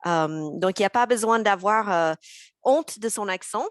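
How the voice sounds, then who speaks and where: An American woman with a Mississippi accent, speaking French. She coaches with earnest hesitation in a mid-pitched voice. Her voice sounds dry and close. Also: moderate pace, no room sound. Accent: Southern American (Mississippi) speaking French. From USA. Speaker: intercultural coach. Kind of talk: panel discussion.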